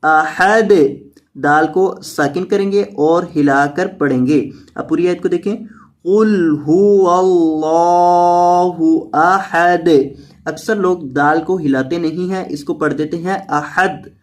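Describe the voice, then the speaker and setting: A Quran teacher with a fairly high-pitched voice gives a word-by-word tajweed lesson. He is patient, repeating each word slowly before explaining it quickly.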